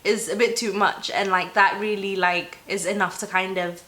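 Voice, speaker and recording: A young woman host gives advice in a loose, chatty and encouraging manner. Her voice is bright and sharp-edged at an average female pitch. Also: little pitch movement, moderate pace. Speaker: talk show host. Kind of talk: casual advice chat.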